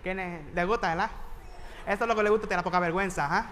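A man with a Puerto Rican accent, a voice teacher giving a humorous motivational talk to teachers, animated and joking with sudden loud exclamations. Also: high-pitched, fast talker, a little hiss or hum. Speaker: voice teacher and keynote speaker. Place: large venue with a big audience of teachers.

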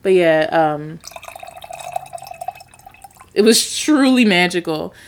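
A woman's voice: on the low side, expressive, slow pace, slight background noise. A woman co-hosting a podcast, talking casually and candidly with a playful, dramatic manner. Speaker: podcast co-host. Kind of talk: casual intimate chat.

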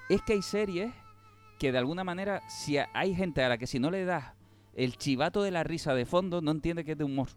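Animated man chatting about series. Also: on the high side, fairly quick, faint music behind. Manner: animated storyteller, acts out quoted lines. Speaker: podcast host. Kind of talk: casual chat about streaming series.

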